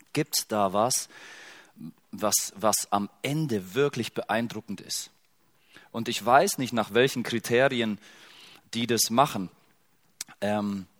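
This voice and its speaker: A middle-aged male pastor giving a sermon in an easygoing, conversational manner. He jokes now and then and keeps putting direct questions to the congregation. His voice sits at an ordinary middle pitch. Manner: conversational, asks the listeners many questions; casual and joking.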